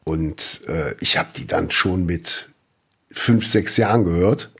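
A man in his fifties co-hosts a podcast, chatting casually and telling rambling stories while correcting himself along the way. His voice is low-pitched and slow, a bit bright and slightly rough, with vocal fry.

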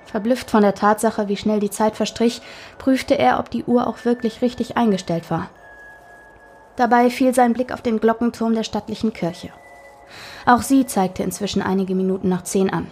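A woman narrating a scripted spooky Halloween story in a measured storytelling manner. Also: a little high, steady tone, a little mellow, slight background noise.

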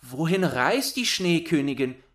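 A man's voice: a little high, animated, unhurried, a bit bright, voice pushed up. A man voicing a worried little girl in a storybook, speaking raised and pleading.

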